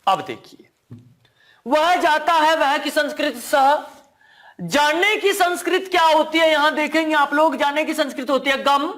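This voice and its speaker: A man teaching a Sanskrit exam-prep lesson, repeating key words back to the class as questions and checking in with them again and again. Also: a little slow. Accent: Hindi. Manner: asks the class "ठीक है ना?" again and again; drops to a low, quiet voice at times.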